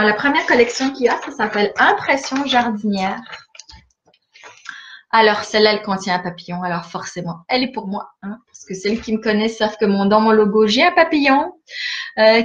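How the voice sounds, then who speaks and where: In a casual catalogue walkthrough for her viewers, this stamping-supplies demonstrator is hesitant and leans heavily on fillers. Her voice is a little high, the audio is dull, and there is slight background noise.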